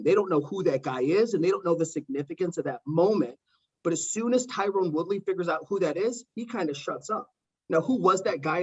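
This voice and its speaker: A man hosting a podcast, talking in a measured, analytical way with rhetorical questions, on a dull lo-fi mic. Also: on the high side, slightly rough. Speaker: podcast host. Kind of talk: casual podcast chat.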